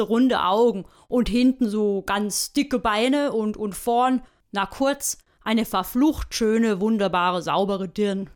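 A woman telling a bawdy comic fairy tale in a hearty, rambling, folksy yarn style. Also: mid-range voice. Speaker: storyteller.

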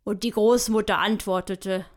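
A woman's voice: mid-range voice, steady tone, normal speed, a little hiss or hum. A woman telling a bawdy comic fairy tale in a hearty, rambling, folksy yarn style. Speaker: storyteller.

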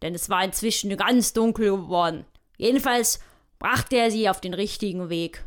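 A woman's voice: mid-range voice, moderate pace. A woman telling a bawdy comic fairy tale in a hearty, rambling, folksy yarn style. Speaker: storyteller.

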